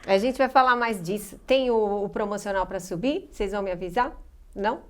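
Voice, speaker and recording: A woman's voice: medium pitch, a little fast. A woman with a Brazilian Portuguese accent hosting an interview, giving short affirmations and asking long questions. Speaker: host. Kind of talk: interviewing a guest.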